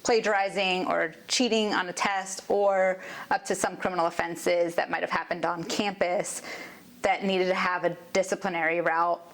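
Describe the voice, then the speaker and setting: A woman's voice: lowish voice, level tone, normal speed, fairly bright tone. Friendly, laughing woman judge. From Maryland, USA. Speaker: judge, interview guest. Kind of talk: casual interview conversation.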